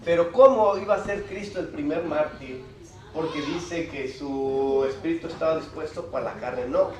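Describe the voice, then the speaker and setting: A slightly high-voiced man preaches from a distance in a roomy church hall. He talks plainly to his brothers in the pews and lifts his voice when reading scripture, with the congregation audible around him. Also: moderate pace, a crowd in the background. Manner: reads Bible passages aloud with rising emphasis. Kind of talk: sermon. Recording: echoey hall from far off with congregation noise.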